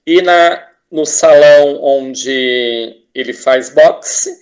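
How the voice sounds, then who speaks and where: A man's voice: a little high, very slow. A Brazilian man, a teacher and artist, talking as a guest in a casual interview, enthusiastic and rambling with frequent restarts and tag questions.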